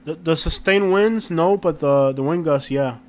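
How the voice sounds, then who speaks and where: Higher-voiced man, halting casual live streamer. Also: slight background noise. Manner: informal, slangy, halting, repeats himself. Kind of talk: casual live stream chat, reacting to viewers. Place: inside a rented house.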